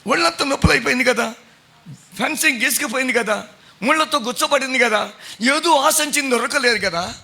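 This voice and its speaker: A man's voice: very high-pitched, a little fast, vocal fry, pushed and bright. A middle-aged man preaching a sermon as pastor, questioning his congregation in a conversational way. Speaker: pastor and Bible college principal.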